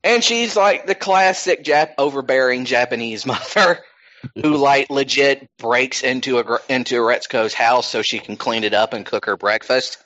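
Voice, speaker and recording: A man's voice: medium pitch, normal speed, fairly bright tone. A man chatting casually as a podcast host, rambling with many ums and restarts. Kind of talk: casual chat. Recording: slightly dull lo-fi sound.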